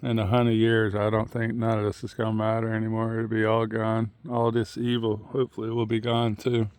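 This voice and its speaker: A man's voice: fairly low pitch, monotone, brisk, darkish tone, clear, resonant tone, no room sound. A man vlogging in a rambling, plain-spoken monologue as he walks outdoors, musing and drifting from one thought to the next. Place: outdoors on a muddy tidal shore.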